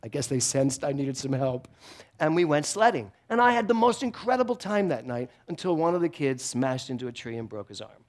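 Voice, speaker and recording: A middle-aged man preaches in a relaxed, conversational way, with a voice that sits a little high for a man. He tells stories with self-deprecating humor and laughs often between his points. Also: brisk. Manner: animated storytelling with frequent laughter. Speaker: guest speaker at a spiritual center. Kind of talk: sermon.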